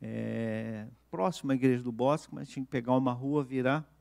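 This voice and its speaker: A man with a Brazilian Portuguese accent, a pastor preaching a sermon in an earnest way, slowing and softening to stress key points. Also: mid-range voice, creaky.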